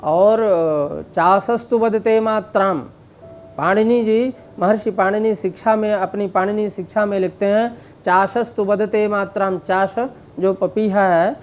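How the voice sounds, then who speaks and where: A man's voice: sits high, steady tone. Indian guy teaching sanskrit grammar, stretches vowels out to show them, lots of uh fillers, kinda muffled lo-fi audio. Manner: drawn-out vowel demonstrations with frequent fillers. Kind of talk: slow explanatory lecture.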